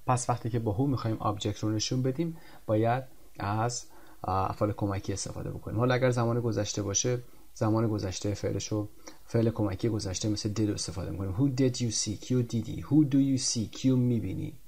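Male tutor, explaining grammar, slow and deliberate on the example sentences. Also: on the low side, steady tone, vocal fry, a little mellow. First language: Persian. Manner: explains in Persian, reads English examples slowly and carefully. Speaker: English teacher. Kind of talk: recorded grammar lesson.

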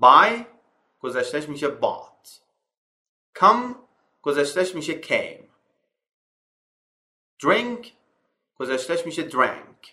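A man teaching English grammar from slides, reading each English rule slowly and then explaining it in casual Persian. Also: very animated, pushed and bright, reverberant. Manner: calls out example verbs on a higher note. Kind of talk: slide-based grammar lesson.

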